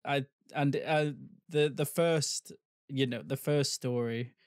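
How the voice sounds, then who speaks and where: A man's voice: medium pitch, fairly even intonation, dry recording. A man with a mid-range voice co-hosts a casual podcast about a film. He stops and restarts his sentences as he works out his thoughts. The recording is dry. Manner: hesitant, halting restarts. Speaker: podcast co-host.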